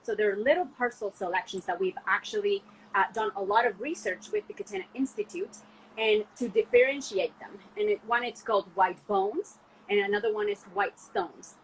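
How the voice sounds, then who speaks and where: Over a rough recording with a little hiss or hum, a young woman from Argentina, a wine export manager, chats enthusiastically about wine on a casual podcast call, dropping "like" constantly. She speaks at normal speed in a medium pitch from home, where a window gives her a view of the city.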